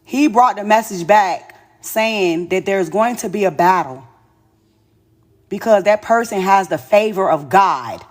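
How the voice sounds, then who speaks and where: A woman giving a live tarot reading, telling it in an animated, slangy way with frequent exclamations and laughter. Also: mid-range voice, a little slow. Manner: casual slangy storytelling. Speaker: tarot reader.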